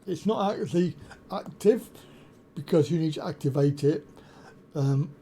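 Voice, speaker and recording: A man with a somewhat high voice hosts a tech tutorial, walking through a software setup step by step over screen share. He pauses often and says "um" a lot, speaking into a desktop USB condenser mic at his home computer desk.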